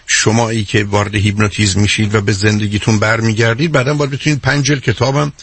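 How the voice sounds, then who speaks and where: A man with a fairly low, husky voice explains hypnosis as an interview guest. He lectures steadily and walks through worked examples. The recording is dry, with no room sound. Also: flat delivery, a bit bright, no room sound.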